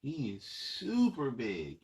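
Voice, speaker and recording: Reading picture books to children, this male host speaks slowly in a mid-range, darkish voice with huge pitch swings, keeping things casual and conversational and tossing in asides for the kids.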